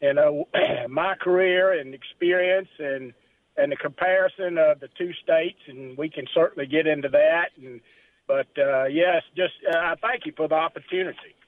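A man's voice: a little high, dry recording. Southern man on a tinny phone line. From South Carolina. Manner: friendly, folksy, halting with fillers. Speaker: timber association president, guest. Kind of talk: casual radio interview.

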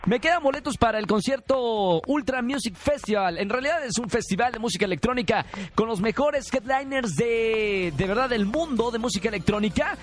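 Playful Mexican male radio host, very high-pitched, over a faint music bed. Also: brisk. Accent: Mexican Spanish. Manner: playful, teasing, energetic. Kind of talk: call-in radio giveaway.

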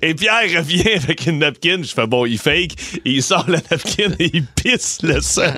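A man with a Québécois accent tells jokes in radio banter, often breaking into laughter. His voice is bright and sits fairly high. It moves around a lot in pitch. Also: normal speed. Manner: animated, laughs often while telling jokes. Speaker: radio co-host, joke teller. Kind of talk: comic radio banter and storytelling.

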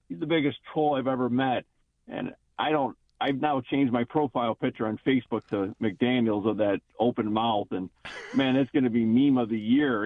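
A man from Buffalo calling in over the phone to a radio show, chatty and rambling as he cheerfully trash-talks. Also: mid-range voice. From Buffalo, New York. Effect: heard over the phone. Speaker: radio call-in caller. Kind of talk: casual sports talk call. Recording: tinny phone line on radio.

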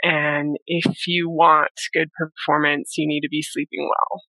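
Bright-voiced woman sleep scientist. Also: low-pitched, flat delivery, no echo, poor audio. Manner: explanatory, measured, frequent "um" and "you know". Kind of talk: interview conversation.

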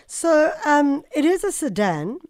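Playful woman radio host, lively voice. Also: high voice, unhurried, no echo, studio quality. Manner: teasing, playful. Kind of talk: radio interview chat.

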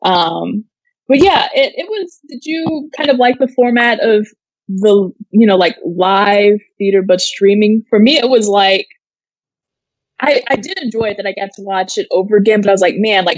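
On an entertainment news show, an American co-host keeps things chatty and casual, using "like" a lot. She speaks at medium pitch. The sound is lo-fi, with no room sound.

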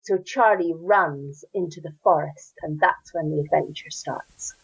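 A children's author from Northern Ireland, speaking with that accent, answers interview questions with enthusiasm and a storytelling lilt, warm and full of laughs. Her voice is deep, gravelly and a little rough, with a measured pace. The recording is muffled.

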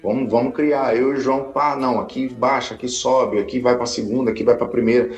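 A man, a guest viola player, telling a story in an animated, slangy, casual way. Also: medium pitch, lo-fi sound, soft background music. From Brazil. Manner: animated, slangy, talks fast.

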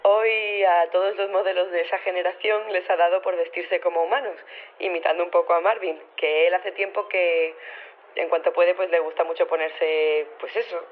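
In an audio drama, a woman voices a casual, matter-of-fact, unflappable robotics professor being interviewed over the phone, rambling in a colloquial, understated way. Her voice is fairly low, with fairly even intonation and normal speed. A telephone filter makes the line tinny, and background noise is clearly audible.

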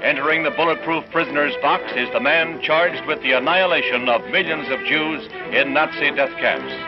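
A man's voice: fairly high pitch, normal speed. A man narrating an old newsreel in a dramatic announcer delivery, played from archive footage. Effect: old newsreel audio. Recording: lo-fi archive audio with music.

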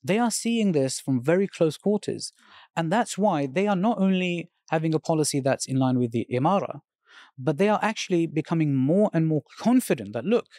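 A man's voice: fairly high pitch, darkish tone, dry recording, clean studio sound. Earnest man giving a long interview answer. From Britain. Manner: earnest, retells conversations at length. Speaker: interview guest.

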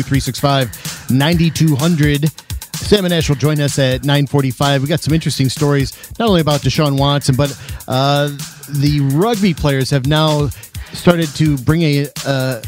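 A man hosting a live sports radio show, moving through announcements and talk to listeners. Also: a little high.

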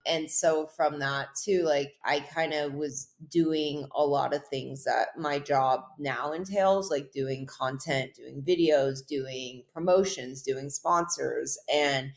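A woman's voice: sits low, slow, few pauses. A woman in her thirties from Hawaii, a guest talking casually in an interview, rambling with lots of "like". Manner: relaxed, rambling, heavy use of "like". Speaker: guest, pro surfer.

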